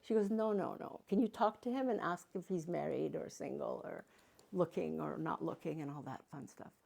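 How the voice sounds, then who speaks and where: An older Canadian woman, a matchmaker appearing as a guest speaker, tells stories casually to a live audience with playful asides. Her mid-range voice is creaky and dark in tone, and her storytelling is chatty.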